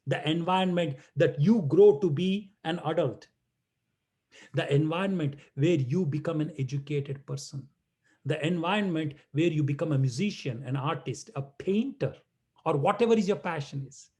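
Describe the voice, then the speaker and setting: A man's voice: fairly high pitch, moderate pace, warm tone. A man giving a playful talk to children over a video call, teasing and chanting verses. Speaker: guest speaker.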